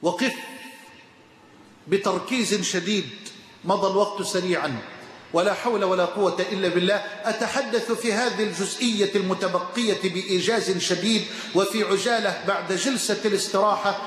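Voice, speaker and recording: A man with an Egyptian accent delivering a Friday sermon, impassioned, swinging between shouts and hushed tones, in a mosque. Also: sits high, brisk. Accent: Egyptian Arabic. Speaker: preacher. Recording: echoey hall with faint ambient noise.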